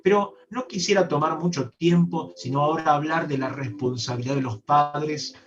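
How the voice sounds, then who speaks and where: A man's voice: fairly high pitch, moderate pace. A man preaching a sermon as a bishop, earnest and speaking straight to his listeners. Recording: distant, dull online-meeting audio.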